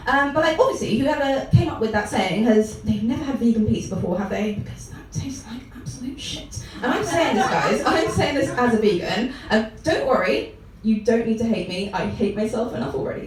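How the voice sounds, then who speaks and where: A young woman performs stand-up in a club, rambling through her set with lots of ums and giggles. Her voice sits fairly high and leaps around lively. The mic catches her from a distance in a strongly echoing room with faint ambience behind. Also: slight background noise. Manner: giggly, rambling, many ums and self-interruptions. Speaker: stand-up comedian.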